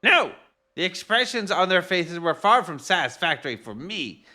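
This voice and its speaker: A man voicing a pompous wandering male foodie chef, lofty and excitable, raising his voice well above his own. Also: high voice, normal speed, exaggerated voice.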